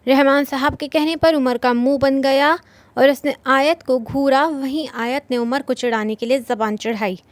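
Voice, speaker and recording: A woman with a high voice narrates a novel in a brisk storytelling manner. The recording is dry and close, with no room sound. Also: steady tone, no room sound. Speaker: audiobook narrator.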